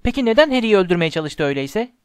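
A man's voice: high voice, sing-song, quick pace, clear, resonant tone, dry recording, studio quality. A man voicing a clever, insistent schoolgirl witch in an urgent, breathless tone while reading a storybook aloud.

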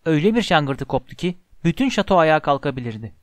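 A man narrates a story in a steady, expressive reading voice. His pitch sits a little high for a man. The recording is dry and close, with no room sound. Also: fast, dry recording. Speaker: audiobook narrator.

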